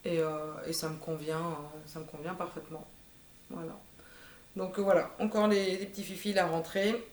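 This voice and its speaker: Recorded in an echoey room, a woman in her thirties describes her knitting projects in a laid-back show-and-tell. Her fairly low, somewhat mellow voice holds a level tone at a moderate pace, and she hesitates with frequent "euh" fillers.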